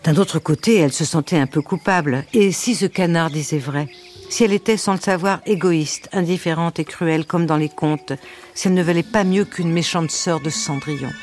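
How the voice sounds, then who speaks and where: A woman storyteller reading a children's story aloud, with a gentle, wry narration and playful asides. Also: sits low.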